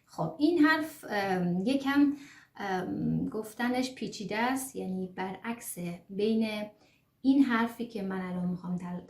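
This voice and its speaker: Woman slowly spelling out letters, echoey room. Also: medium pitch, darkish tone. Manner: slow, careful letter-by-letter pronunciation with fillers. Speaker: language teacher. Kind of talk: online lesson on the German alphabet.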